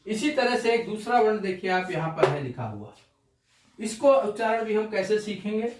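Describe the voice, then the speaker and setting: A male Hindi teacher giving a classroom-style pronunciation lesson, slowly drilling syllables one by one. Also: high-pitched, very animated, background noise. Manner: slow, deliberate syllable-by-syllable drilling. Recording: roomy, distant mic.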